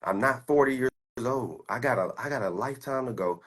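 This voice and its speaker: A man's voice: mid-range voice, a little fast, fairly bright tone. A man in his twenties from the United States, a stock trader giving a boastful, profane, confrontational rant while showing his screen. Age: 20s.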